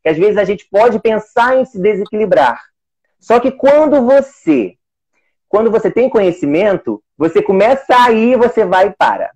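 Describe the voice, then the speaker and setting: A teacher of young children talks casually in a live video chat about being an adoptive single father, rambling and restarting often while quoting his conversations with his son. His voice is high-pitched, animated, darkish, and slightly rough, at a moderate pace, and the recording is muffled.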